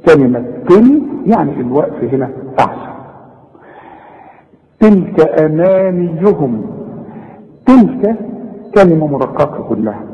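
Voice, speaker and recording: An Egyptian man teaches recitation in a mellow, somewhat high voice. He keeps quizzing the listener and stretches his example words out slowly. The recording is dull and carries a long reverb. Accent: Egyptian Arabic. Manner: coaching the listener with questions and slow drawn-out recited examples. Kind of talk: informal tajweed lesson.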